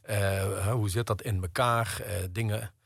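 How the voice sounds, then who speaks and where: Middle-aged man, low gravelly voice, halting interview talk, dry close sound. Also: fairly even intonation, fairly bright tone, no room sound. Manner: hesitant, many fillers and restarts. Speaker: guest, percussionist and conductor. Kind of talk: radio interview conversation.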